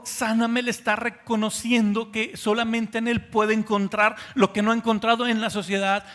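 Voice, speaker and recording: A man, a pastor with a Mexican Spanish accent, preaching a sermon with fervor, swinging from soft, hushed passages to loud pleas. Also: high-pitched, big-room sound.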